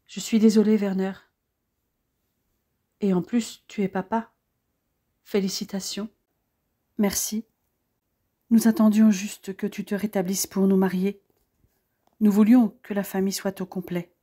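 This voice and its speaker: A woman voicing a young male officer, anxious and devoted, speaking softly and from the heart. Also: medium pitch, flat delivery, measured pace, long pauses, slightly rough. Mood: heartfelt.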